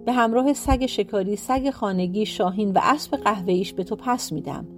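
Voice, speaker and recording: A woman's voice: medium pitch, soft background music, lightly acted. A woman voicing a spiteful old witch woman who is stubborn and cries out shrilly. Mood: pleading.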